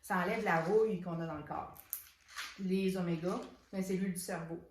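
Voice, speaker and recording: Québécois woman unboxing stuff, kinda low voice, lots of restarts, roomy echo. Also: fairly even intonation, normal speed, slight background noise. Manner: chatty, many restarts and "donc" fillers. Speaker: soap shop owner presenting products. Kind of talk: casual product unboxing chat. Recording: echoey room.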